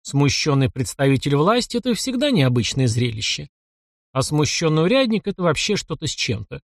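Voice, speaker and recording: A man narrating an audiobook in an expressive storytelling manner. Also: fairly high pitch, fairly quick, creaky, no echo, studio quality. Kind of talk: scripted narration.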